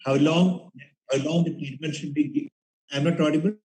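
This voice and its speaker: A male doctor on a panel, speaking haltingly and repeating himself while his video call audio breaks up and freezes. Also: on the high side, steady tone, a little mellow. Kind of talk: panel discussion. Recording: echoey, distant video call line.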